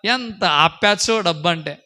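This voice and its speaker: Emphatic high-voiced preacher man. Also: a little slow. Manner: emphatic, repetitive questioning, rising to shouts; acts out characters in a story with changed voices. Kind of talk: sermon.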